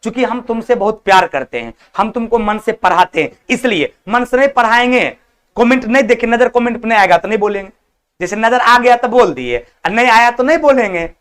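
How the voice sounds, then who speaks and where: A man's voice: very high-pitched, animated, fairly quick, fairly bright tone, clean tone. A male teacher, lecturing an online exam-prep class in a scolding yet affectionate, colloquial way. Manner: colloquial, repeats words like 'chala' and 'babu'.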